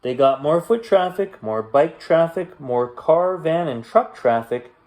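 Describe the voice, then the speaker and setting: Slowly and expressively, a man with a slightly high voice narrates a picture book for kids at bedtime, leaning on deliberate dramatic pauses.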